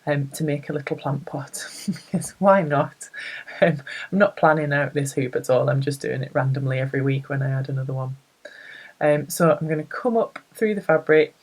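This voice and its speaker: A woman with a low voice and a Northern English accent talks through an embroidery stitch step by step. She chats casually and thinks aloud, often poking fun at herself. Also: rough recording. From northern England. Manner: chatty, self-deprecating, thinks aloud. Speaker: embroidery tutor. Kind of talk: casual craft tutorial.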